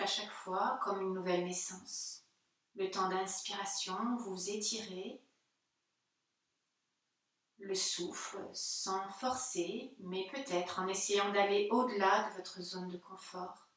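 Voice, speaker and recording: Guiding a meditation, a woman who teaches yoga speaks in a mid-range voice, slow and unhurried, soothing and gentle, leaving pauses between phrases. She is heard from a little distance away in a strongly reverberant, very echoey space.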